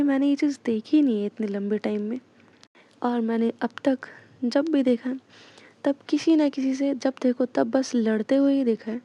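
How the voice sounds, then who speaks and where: A woman's voice: sits high, mellow. A young woman casually retelling an audio story, chatty and full of fillers, in a dull lo-fi recording.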